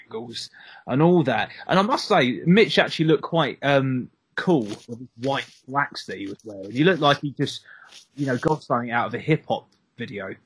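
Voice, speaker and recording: Lively, animated man chatting. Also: medium pitch, moderate pace, slightly rough, no echo. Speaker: podcast co-host. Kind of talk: casual chat.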